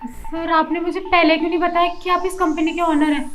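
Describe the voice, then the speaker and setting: A woman's voice: very high-pitched, expressive, a little fast, fairly bright tone, soft background music. A woman playing a rude, haughty office manager in a short skit, talking down and scolding. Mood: apologetic. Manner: scolding, bossy, condescending.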